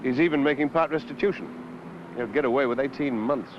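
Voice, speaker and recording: An actor playing a wry senior British detective in a 1970s television drama, speaking in a clipped, dryly authoritative way. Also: male voice, medium pitch, fairly quick, natural voice. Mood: measured, explanatory. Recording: dull, noisy 1970s television location sound.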